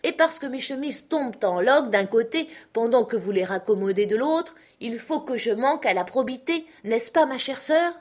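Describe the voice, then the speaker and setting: Une lectrice qui prête sa voix à un oncle d'âge mûr, ironique, honnête et prompt à s'emporter. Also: female voice, fairly high pitch, lively intonation, moderate pace, hardly any pauses, darkish tone, pitched above the performer's own voice. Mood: exasperated. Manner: exclaiming, ironic. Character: excitable, principled middle-aged uncle, a man.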